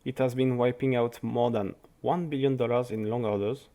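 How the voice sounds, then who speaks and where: A man with a French accent talks through market charts in his second language. His pitch sits mid-range for a man, and he speaks carefully, stopping to restart words and phrases as he goes. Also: fairly even intonation, mellow. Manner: careful, halting speech with restarts. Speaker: crypto market analyst. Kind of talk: scripted market review over charts.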